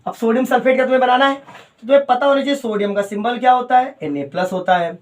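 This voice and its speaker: High-voiced chemistry teacher. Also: male voice. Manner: calls students "beta", repeats terms slowly, mixes English phrases. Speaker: coaching teacher. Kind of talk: chemistry lesson to students.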